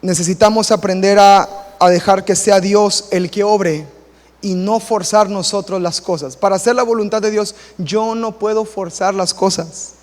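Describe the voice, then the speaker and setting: A man preaches a sermon, his voice sitting high and bright for a man. He is animated and playful, slipping into quoted voices as he tells stories to his congregation. The sound carries a long reverb from the church hall. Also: moderate pace. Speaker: pastor.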